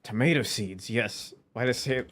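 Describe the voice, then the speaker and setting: A man giving casual let's-play commentary in an easy, mid-pitched voice. He chats to himself as he plays, conversational and unhurried. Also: a bit bright. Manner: chatty, talking to himself as he plays. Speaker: gaming video creator.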